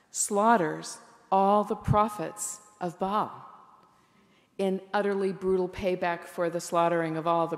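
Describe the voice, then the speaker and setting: A woman pastor preaching a sermon in a reflective, candid way, slowing down for emphasis. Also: fairly low pitch, long reverb tail. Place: church.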